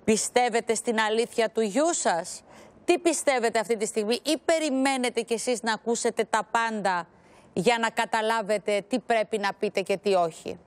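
A woman hosting a television talk show, asking probing, pointed questions of her guest. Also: on the high side. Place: television studio.

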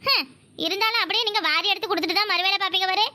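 A woman with a Kanyakumari Tamil accent voicing a sharp-tongued, complaining young village wife and mother in a cartoon. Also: extremely high pitch, rapid-fire, no room sound, clean studio sound, exaggerated voice. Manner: nagging, quarrelsome. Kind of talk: cartoon voice acting.

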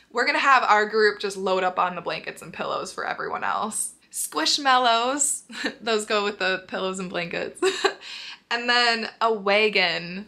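A young woman with a Minnesota accent talks in a bright, sparkly tone from her apartment. She rambles cheerfully, peppering everything with "like", at a middle pitch. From Minnesota, USA. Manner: bubbly, rambling, heavy use of "like", frequent laughs. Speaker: vlogger. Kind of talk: casual chatty advice vlog.

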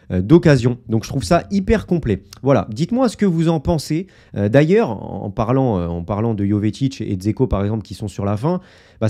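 Chatty man giving football opinions, mellow voice. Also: mid-range voice. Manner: chatty, opinionated, many fillers and direct asides to viewers. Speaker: football YouTuber. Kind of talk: casual football analysis to camera.

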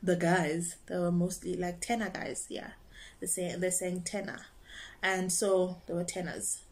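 A woman's voice: on the low side, unhurried. A young woman from South Africa, an opera singer, chatting casually and expressively to her channel's viewers. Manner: bubbly, expressive, laughs and breaks into singing. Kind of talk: casual chat to camera.

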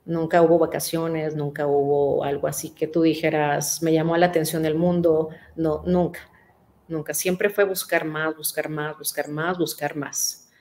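A woman's voice: deep voice, level tone, a little slow, a little mellow. A middle-aged woman, a pastor, telling her life story in an earnest conversational way, often repeating herself and asking "right?". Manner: earnest storytelling with frequent "¿verdad?" tags and repetitions. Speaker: pastor and businesswoman, interview guest. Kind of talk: personal testimony in conversation.

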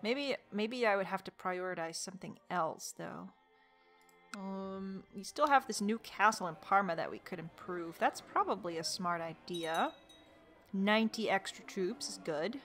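A woman's voice: mid-range voice, animated, measured pace, fairly bright tone, soft background music. A woman casually commenting on her strategy game, exasperated and joking, talking to the characters and laughing often. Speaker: let's play gamer.

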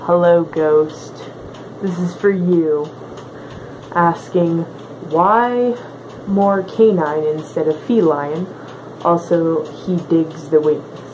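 A woman's voice: lowish voice, slow pace, a little mellow. A woman in a costume head answering fan questions in a playful, sassy manner, her voice muffled by the mask. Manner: playful, sassy, in character as a winged canine creature. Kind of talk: casual chat. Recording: noisy background hiss.

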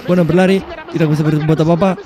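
Excitable high-voiced young man gaming. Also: racing, a crowd in the background. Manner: excitable, shouting and yelping at the game; slangy banter with a teammate. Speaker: gaming YouTuber. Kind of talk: let's play commentary.

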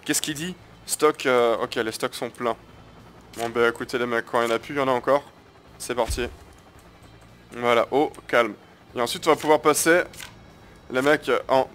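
A man's voice: mid-range voice, steady tone, a little fast, a bit bright, faint music behind. A man hosting his gaming video, talking viewers through a strategy match in a casual, crude, chatty way. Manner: chatty, crude slang, keeps addressing viewers as guys. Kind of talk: casual live gameplay commentary.

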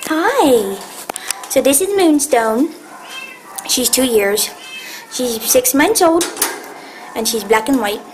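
Woman, shelter volunteer type, casual and affectionate, talks to the cats in baby talk; slightly high voice. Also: lively intonation, slow, long pauses, noisy background. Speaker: shelter volunteer presenting a cat. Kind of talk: casual talk to a cat on camera. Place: animal shelter room with cages.

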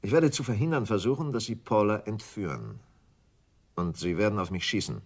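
In a German radio crime drama, an actor voices a smooth, scheming English stockbroker, speaking deliberately and condescendingly. His male voice is fairly low and expressive, and his mood is urgent yet controlled.

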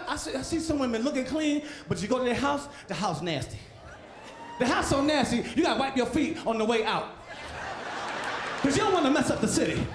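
A man with a strikingly high voice works a comedy club crowd, loud and animated as he acts out characters and shouts sound effects. The recording is echoey and noisy, with a roomful of laughter behind him. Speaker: stand-up comedian. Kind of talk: stand-up comedy set. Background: audience laughing.

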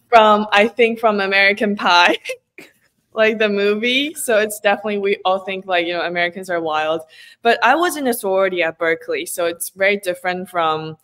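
Speaking at a normal pace in a medium-pitched, fairly bright voice, a woman from China in her twenties, a native Chinese speaker, joins a relaxed interview as a guest. She is on a laptop video call at home, kitchen shelves behind her, laughing often and using lots of fillers.

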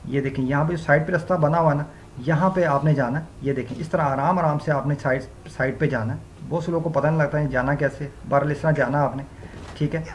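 Man, gameplay walkthrough commentary, fairly high voice, repetitive fillers, faint background hiss. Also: fairly even intonation, quick pace. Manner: repetitive filler phrases, explains step by step. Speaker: gaming channel host.

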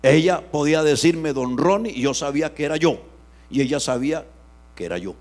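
A man pastor, preaching an animated sermon that swings from loud outbursts to hushed asides. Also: on the high side, fairly quick.

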